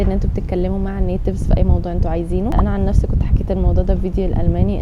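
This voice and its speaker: A young woman with an Egyptian accent chatting rapidly to her viewers as she explains study tips in a casual vlog. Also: medium pitch. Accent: Egyptian Arabic. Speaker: vlogger teaching English. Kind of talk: casual tutorial talk to camera. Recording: lo-fi with loud background noise.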